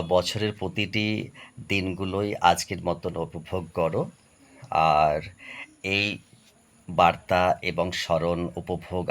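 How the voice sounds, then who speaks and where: A man with a Bengali accent tutoring children, reading a text aloud slowly and then patiently explaining the meaning of each word. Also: deep voice. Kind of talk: recorded lesson for children.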